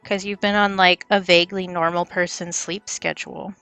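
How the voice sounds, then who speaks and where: A woman's voice: on the low side, little pitch movement, normal speed, pushed and bright, smooth, dry recording, soft background music. A young woman chatting casually on a livestream while she draws, rambling and stumbling over her words with self-deprecating asides. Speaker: streamer.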